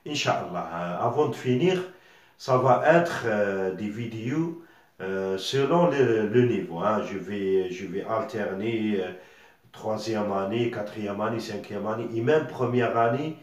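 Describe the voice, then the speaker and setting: A man's voice: fairly low pitch, a little slow. A man teaching a grammar lesson, patiently spelling letters aloud and repeating each word. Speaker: primary school French teacher. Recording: very echoey bare room.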